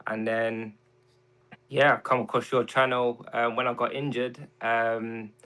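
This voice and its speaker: A man's voice: mid-range voice, level tone, unhurried, clean tone, rough recording. A man from England with a London accent, a guest on a casual chat show, talking hesitantly with lots of ums. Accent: London English. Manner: hesitant, many ums, soft-spoken.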